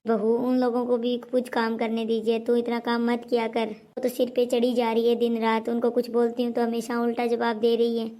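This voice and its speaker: A woman's voice: fairly high pitch, completely flat delivery, moderate pace, few pauses, warm tone, natural voice. A woman doing a bossy old mother-in-law. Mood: complaining. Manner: nagging, complaining. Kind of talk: homemade family skit.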